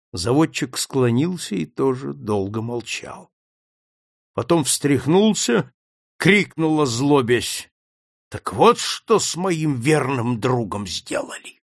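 A man reading a story aloud in a dramatic, expressive narration. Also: fairly high pitch, creaky, no room sound, clean studio sound. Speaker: audiobook narrator.

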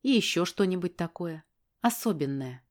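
A woman reads a first-person story aloud in a wry, matter-of-fact manner. Her voice sits a little low for a woman. She tells it plainly and steadily. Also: lively intonation, normal speed. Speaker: audiobook narrator.

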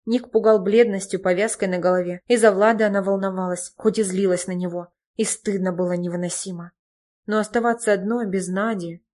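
A woman narrating an audiobook in an even storytelling manner. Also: mid-range voice, a little fast. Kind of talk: scripted narration.

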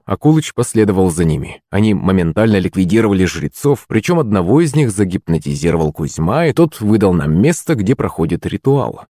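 A man reading a fantasy audiobook as a steady, even first-person narration. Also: lowish voice, no room sound, clean studio sound.

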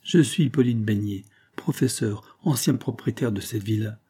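A man voicing a frail, gentle old man who pleads tenderly, in a storybook reading. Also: on the low side, normal speed, slightly rough. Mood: sorrowful.

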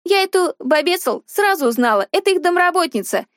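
A brash teenage girl sneers and mocks in a high, piercing voice, as a woman reading an audiobook puts her on. The recording is dry and close. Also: sing-song, brisk, no room sound. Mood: sneering. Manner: sneering, mocking.

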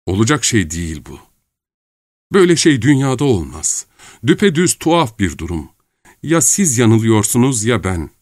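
A man's voice: medium pitch, very animated, normal speed, darkish tone, dry recording, clean studio sound. A man reading a novel aloud, voicing a distraught young woman who pleads emotionally in a raised voice. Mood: pleading. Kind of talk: audiobook character reading.

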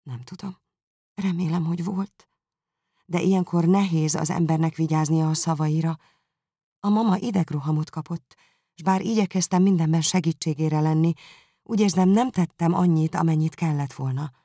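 A narrator voicing Jane, a gentle and anxious young woman, speaking in a soft measured way in an audiobook. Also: medium pitch, no echo, clean studio sound, close to an everyday voice. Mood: subdued.

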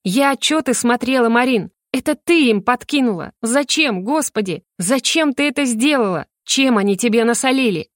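An anxious young woman, her voice climbing high and sharp as she pleads and accuses, as a woman narrator plays her. Tense and insistent, read close in a dry, deadened room. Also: a little fast, few pauses, no echo, lightly acted. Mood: agitated. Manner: tense, pleading, rising to shouts. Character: young woman, frightened sister turned accuser.

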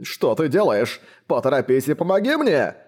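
A man's voice: mid-range voice, lively intonation, moderate pace, darkish tone, close to an everyday voice. A man voicing a plump, cowardly aristocrat baron in an audiobook, wailing and full of self-pity. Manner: wailing, self-pitying cries of pain. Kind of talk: audiobook reading.

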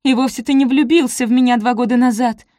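A woman's voice: on the high side, normal speed, warm tone, no room sound, clean studio sound, pitched above the performer's own voice, natural voice. Woman voicing a trembling young maid. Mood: upset, shouting. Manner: pleading, trembling, then crying out. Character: young woman, frightened maid hiding a secret.

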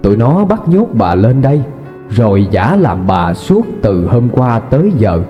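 A man's voice: mid-range voice, big pitch swings, measured pace. A man narrating a ghost story in a dramatic, suspenseful way. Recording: dull lo-fi with faint music.

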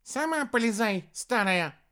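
A shrill shrunken little chief. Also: male voice, animated, measured pace, clear, resonant tone, exaggerated voice. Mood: shrill, indignant. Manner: shouting, indignant. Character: tiny shrunken male creature chief, shrill and demanding.

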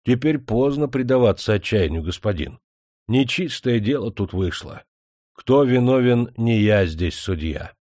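A man doing a calm, gentle old village priest. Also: medium pitch, measured pace, dry recording, clean studio sound. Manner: calm, soothing, pious.

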